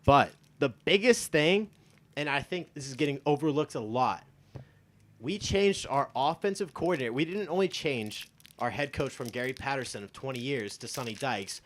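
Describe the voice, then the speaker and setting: A man in his twenties with an American accent, born in Texas and from Iowa in the United States, talks sports casually as a show guest. His mid-range voice moves at normal speed, and he's emphatic, opinionated and loose with swearing.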